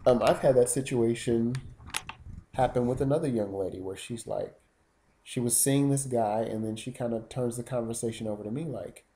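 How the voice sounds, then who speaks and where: Mellow-voiced man ranting on a vlog. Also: mid-range voice, normal speed. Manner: rambling, indignant storytelling. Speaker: YouTube vlogger. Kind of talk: casual vlog monologue.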